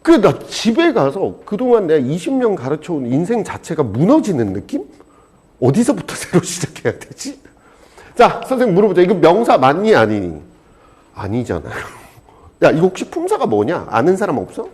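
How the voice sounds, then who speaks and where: A man teaching a high school exam prep lecture, animated and jokey, swinging between loud and soft. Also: normal speed, husky. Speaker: Korean language teacher.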